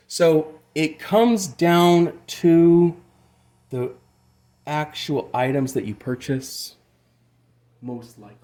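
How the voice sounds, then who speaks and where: A man with a fairly high pitch and darkish tone gives a loose, rambling hands-on tutorial on music gear, occasionally swearing. He is an amateur demonstrator explaining as he goes.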